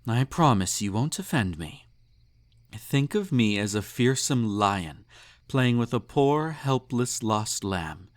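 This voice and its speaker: Speaking slowly yet animatedly at a medium pitch, this man voices a snobby, possessive emperor, indulgent and menacing, for an intimate romantic audio roleplay. He purrs in a haughty, condescending way, and the feeling is smug, tender and teasing.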